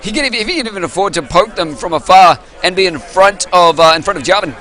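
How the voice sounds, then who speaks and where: High, bright-voiced excitable esports caster man. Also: fast. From New Zealand. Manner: excitable, rambling, self-interrupting. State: losing his voice. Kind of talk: live esports commentary. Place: live event venue with audience.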